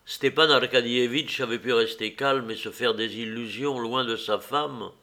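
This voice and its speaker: A man's voice: mid-range voice, moderate pace, sharp tone. Man reading a classic novel aloud. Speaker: audiobook reader. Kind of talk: literary narration.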